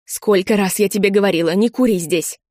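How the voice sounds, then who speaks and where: A woman's voice: medium pitch, brisk, no room sound, studio quality, natural voice. A woman reading an audiobook and voicing an irritable middle-aged wife who speaks sharply and curtly. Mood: irritated. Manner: sharp, curt.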